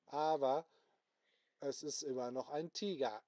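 Slow, gentle man telling a bedtime story. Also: medium pitch, steady tone, no echo. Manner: slow and gentle, with sound effects. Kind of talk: improvised storytelling to children.

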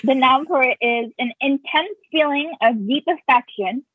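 A woman's voice: high-pitched, moderate pace, breathy edge, dry recording. A woman co-hosting a podcast, talking earnestly in a rambling casual chat and cutting herself off mid-thought. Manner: earnest, rambling, self-interrupting. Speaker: podcast co-host. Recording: tinny phone-like sound, dry.

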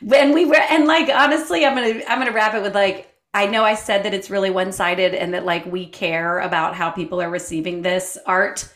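A woman co-hosting a podcast, talking in an upbeat way and quick to laugh. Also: on the low side, little pitch movement, a bit bright. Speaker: podcast co-host. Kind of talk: casual heartfelt conversation. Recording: echoey room with faint music.

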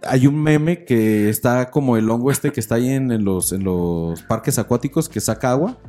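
A man's voice: medium pitch, animated, moderate pace, dark tone, soft background music. A man with a Mexican accent, telling crude stories in casual chat with friends. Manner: rambling, crude slang storytelling.

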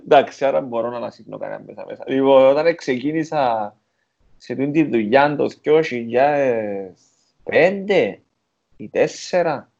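Creaky-voiced Greek Cypriot man chatting. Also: medium pitch, lively intonation, a little mellow, highs cut off. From Cyprus. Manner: mixes English words into his Greek. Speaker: interview guest, film and theatre director. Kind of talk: casual conversational storytelling.

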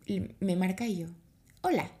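A woman with a Mexican accent tells a personal story straight to her audience, casual and chatty. Her voice has a gravelly, fry-edged texture at a middle pitch. She jumps into higher tones whenever she acts out dialogue. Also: normal speed. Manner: animated, acts out quotes in a higher voice.

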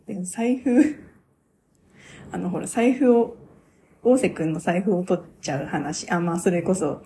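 A young woman talking casually on her own radio show, reviewing a stage play as an excited, gushing fan who laughs often. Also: on the low side, a little hiss or hum. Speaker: podcaster.

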